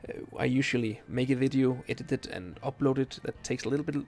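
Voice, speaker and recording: Halting Danish man streaming a game. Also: mid-range voice. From Denmark. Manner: relaxed, halting, lots of ums and restarts. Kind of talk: live game stream, chatting with viewers. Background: faint game music.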